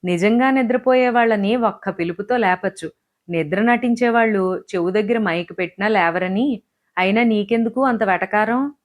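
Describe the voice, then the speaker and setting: A woman's voice: medium pitch, normal speed, natural voice. A woman voicing a frustrated young husband in an audiobook, reproachful and heated, in her own near-normal voice. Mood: angry. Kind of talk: audiobook character voice.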